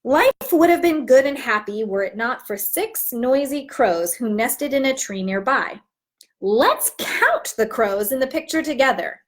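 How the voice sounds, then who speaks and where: Slightly high-pitched and a little slow, a woman teacher trainer delivers an animated read-aloud lesson. Her intonation swings widely, and she speaks clearly, modeling how to present a storybook to others.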